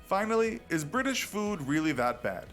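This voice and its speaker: A man narrates a scripted explainer video with playful, swooping emphasis. His voice sits a little high and moves a lot in pitch. Soft music runs quietly underneath. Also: very animated, moderate pace.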